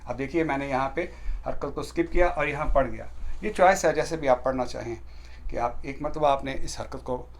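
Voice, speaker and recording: A middle-aged man teaching beginners to read the Quran. He explains the rules patiently, step by step, and recites verses slowly with long stretched tones. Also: medium pitch.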